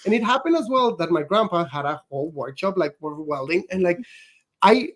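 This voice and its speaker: A man's voice: high voice, expressive, fairly quick, a bit bright. A man chatting as a podcast guest. He rambles through his story, leaning on "like" between thoughts. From northern Mexico. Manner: rambling, heavy use of "like". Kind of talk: casual chat.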